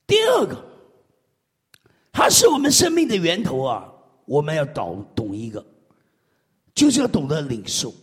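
Animated male preacher in an echoey hall. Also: normal speed, breathy edge. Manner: animated, swings from loud exclamations to low murmured amens. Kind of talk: sermon.

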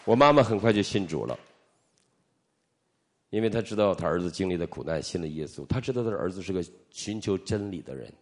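A man's voice: sits low, a little fast. A middle-aged man from Northeast China, a preacher telling his testimony in a sermon and acting out the dialogue as he goes. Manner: animated storytelling, acting out dialogue.

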